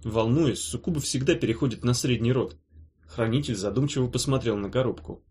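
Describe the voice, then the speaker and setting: Man, audiobook narration, calm and even, husky voice, mid pitch. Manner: calm, even reading; measured commands as the guardian. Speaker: audiobook reader. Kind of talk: scripted narration.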